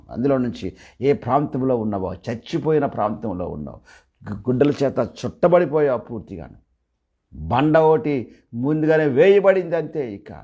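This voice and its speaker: A man preaching a sermon as pastor, with fervent delivery that swings from loud exclamations to hushed asides, slipping English phrases into his preaching. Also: fairly low pitch, slightly rough.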